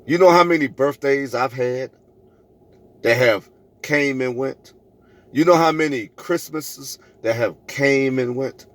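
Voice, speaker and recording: Telling a personal story in his vlog, this middle-aged man is emphatic and preachy, repeating lines for effect and re-enacting both sides of conversations. He speaks unhurriedly in a mid-range voice with a fairly bright tone.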